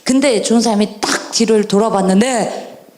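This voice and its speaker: A woman evangelist preaching a sermon to children at a church camp service, animated and constantly questioning her listeners. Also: mid-range voice. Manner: animated, questioning the audience, drawn-out stressed endings. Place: church sanctuary. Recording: echoey church hall.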